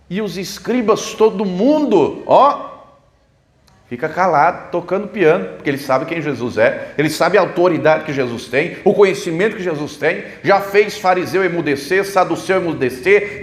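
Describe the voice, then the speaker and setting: A man preaching a sermon as a pastor, explaining the Bible with rhetorical questions at a church service. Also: sits high. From Brazil.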